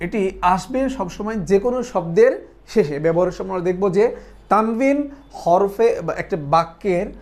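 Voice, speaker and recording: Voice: medium pitch, moderate pace. Patient teacher drilling by question and answer. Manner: asks questions and answers them, repeats for drilling; patient step-by-step explaining. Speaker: Quran recitation teacher. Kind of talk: online lesson.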